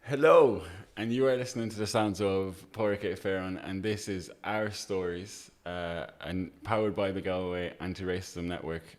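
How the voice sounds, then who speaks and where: Very deep-voiced man hosting. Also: steady tone, moderate pace, hardly any pauses. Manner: informal, discursive, checks listener follows. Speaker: podcast host. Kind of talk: casual conversational interview.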